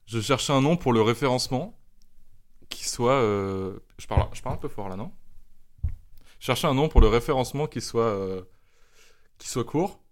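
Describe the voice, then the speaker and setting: A man's voice: mid-range voice, lively intonation, moderate pace, long pauses. Young man, podcast host, joking slangy banter. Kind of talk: casual podcast chat.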